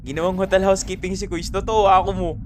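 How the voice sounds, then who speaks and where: A man's voice: high-pitched, little pitch movement, fast talker, noisy background. A man from the Philippines live-streaming a horror game, chatting casually with viewers, laughing a lot and yelping when startled.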